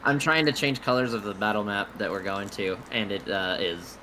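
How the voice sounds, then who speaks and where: A man narrating a tabletop game as game master, setting scenes slowly and deliberately over a voice call. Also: on the low side, noisy background.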